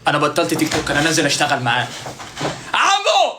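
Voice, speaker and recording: A man's voice: on the high side, steady tone, very fast, noisy background. A man with an Egyptian Arabic accent doing a joking, playful comic monologue to his viewers. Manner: joking, playful, mimics street vendors. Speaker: content creator.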